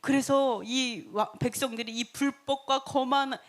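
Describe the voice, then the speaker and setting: A woman's voice: high-pitched, steady tone, unhurried. A woman teaching a Bible story lesson, retelling it dramatically and laughing often as she goes.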